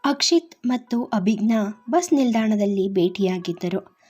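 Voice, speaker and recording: A woman storyteller giving a gentle, even scripted narration of a love story. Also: mid-range voice, measured pace, soft background music.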